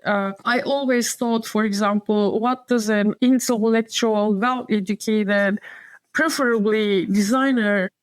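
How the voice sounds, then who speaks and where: A woman from Turkey, a designer and publisher, speaks as a guest in a casual interview with a Turkish accent. Her medium-pitched voice is steady and unhurried, and she's hesitant, circling back to her point. The audio is poor, with no room sound.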